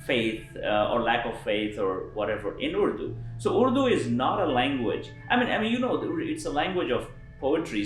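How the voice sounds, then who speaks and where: A man interviewed as a linguist explains things thoughtfully, with frequent pauses, restarts and lively emphasis. His voice sits mid-range, and the audio is poor, with an echoey room.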